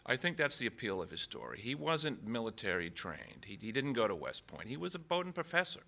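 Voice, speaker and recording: A man from Maine, an author being interviewed, talking in a relaxed and hesitant way with many fillers and restarts. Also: mid-range voice, a little fast, gravelly. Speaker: author, guest. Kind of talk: conversational interview.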